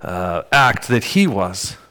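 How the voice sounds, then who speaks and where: A man preaching a sermon in a relaxed, conversational way, joking with the congregation. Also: sits low, takes it slowly. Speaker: pastor. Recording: long hall reverb.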